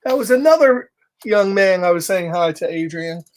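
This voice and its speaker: On a casual livestream, a storytime host reads a children's story and chats playfully, addressing the young audience directly. His voice is high and expressive, his pace moderate, and there's slight background noise.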